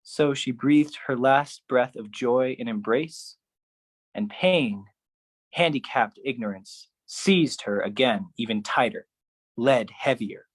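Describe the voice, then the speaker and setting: A lone performer recites a poetic monologue with theatrical deliberation, leaning on dramatic pauses and repetition. The voice sits in the mid range and has a slight roughness.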